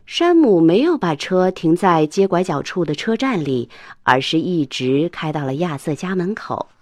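Animated woman reading a children's story. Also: lowish voice, normal speed, no echo, studio quality. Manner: expressive, animated.

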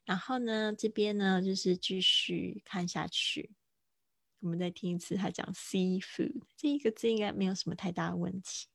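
A woman teaching English words in a casual live-streamed lesson, chatting and repeating each word slowly to model how it sounds. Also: medium pitch, steady tone, creaky, dry recording, studio quality. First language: Mandarin.

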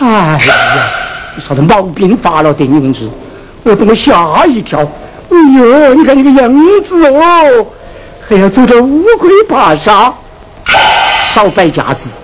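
An actor playing a sharp-tongued comic innkeeper in a Sichuan opera, with a Sichuan accent, scolding in a sing-song way. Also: medium pitch, very animated, unhurried. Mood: mocking. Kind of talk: Sichuan opera stage acting. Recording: noisy 1970s film soundtrack.

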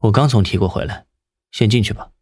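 A woman's voice: extremely low pitch, fairly quick, darkish tone, slightly rough, no room sound, studio quality, voice pushed down. A woman reading aloud, voicing a cool, terse young man who answers in short, clipped lines. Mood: curt.

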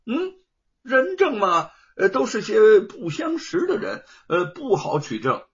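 A man's voice: sits high, huge pitch swings, unhurried, husky, voice pushed up, exaggerated voice. A man voicing a servile lackey who stammers and fumbles as a false witness. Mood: flustered. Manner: stammering, fawning, flustered. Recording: dull lo-fi recording.

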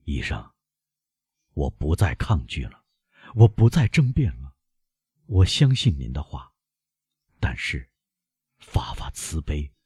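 A man's voice: rumbling low, very animated, takes it slowly, pauses often, slightly rough, dry recording, studio quality, voice pushed down, full character voice. A man voicing a broken, pleading prosecutor. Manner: hushed, faltering, begging. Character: shaken middle-aged male prosecutor, pleading. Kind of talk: audiobook character reading.

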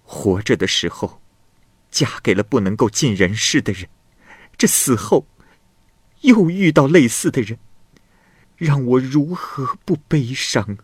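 A grieving young woman ghost from a storybook, sighing over her fate, voiced by a male storyteller. She speaks slowly and plaintively, with a lilting line that swoops up and down. The sound is close and dry. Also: fairly low pitch, expressive, fairly bright tone, slightly rough, dry recording, full character voice. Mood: mournful. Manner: sighing, lamenting.

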